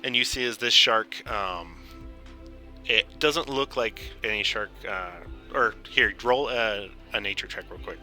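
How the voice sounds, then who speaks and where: A man running a tabletop fantasy game as dungeon master, narrating casually and haltingly as he improvises. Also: on the low side, bright, forceful tone. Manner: halting, informal, searching for words. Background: background game music.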